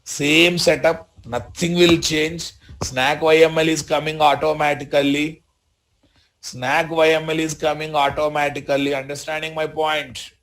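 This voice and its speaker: A man with a Telugu Indian accent teaches a live software tutorial as an instructor, repeating short phrases and often checking that learners follow. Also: fairly high pitch, flat delivery, moderate pace. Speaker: programming instructor.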